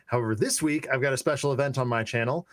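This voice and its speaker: A man's voice: medium pitch, fast talker, dry recording. A man co-hosting a gaming podcast, chatting casually about his streaming schedule. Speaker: podcast co-host. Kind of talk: casual chat.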